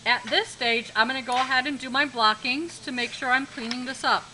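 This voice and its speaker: Bright, high-voiced woman teaching art class. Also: steady tone, brisk, a little hiss or hum, poor audio. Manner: instructive, repeats key points, checks understanding. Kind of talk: live classroom demonstration lesson.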